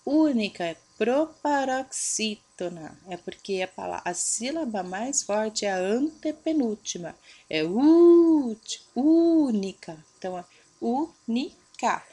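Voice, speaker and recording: A woman's voice: mid-range voice, animated, a little slow, hardly any pauses, darkish tone. A young adult woman teacher going over homework answers for children, patiently checking in and drawing out stressed syllables to show them. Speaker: primary school teacher.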